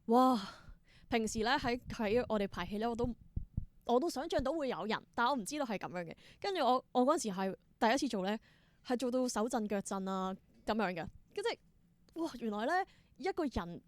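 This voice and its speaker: As an interview guest, this theatre performer and creator spins casual stories and acts out pieces of dialogue, speaking with a Hong Kong Cantonese accent. She has a fairly high voice with lively intonation and a brisk pace, recorded without echo.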